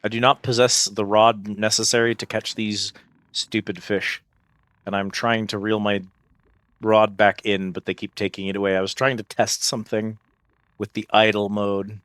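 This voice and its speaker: A man's voice: lowish voice, little pitch movement, moderate pace, a bit bright, no echo. A man hosting a livestream, chatting casually over a game in a rambling, reflective way and often searching for words. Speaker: livestream host. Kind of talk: casual livestream chat while gaming.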